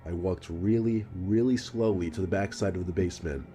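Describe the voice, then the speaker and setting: A man reading a scripted story in a calm, measured narration. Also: deep voice, soft background music.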